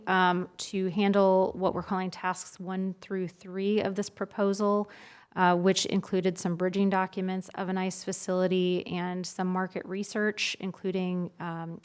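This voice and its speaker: A woman giving a formal presentation at a meeting as a staff member, measured and matter-of-fact. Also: lowish voice, a little mellow, clear, resonant tone.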